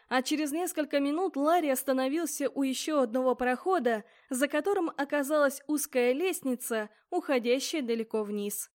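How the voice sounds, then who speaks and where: High-voiced woman reading an audiobook. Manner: expressive, shifts voice for characters. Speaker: audiobook narrator. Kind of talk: first-person audiobook narration.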